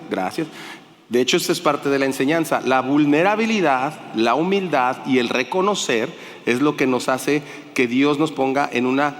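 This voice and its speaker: A slightly hoarse man preaching a sermon, emphatic and calling on the congregation to answer back. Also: on the high side, fairly bright tone. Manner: emphatic, calls for congregation responses. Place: church hall. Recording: long reverb of a church hall.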